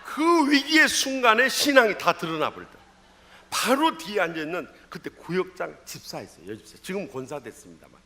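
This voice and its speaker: A middle-aged Jeolla-accented pastor delivers his sermon in a church sanctuary. His voice is fairly high and bright, with a lively, wide-ranging pitch. He tells stories animatedly, dropping into low asides between loud calls. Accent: Jeolla Korean. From Jeolla, South Korea.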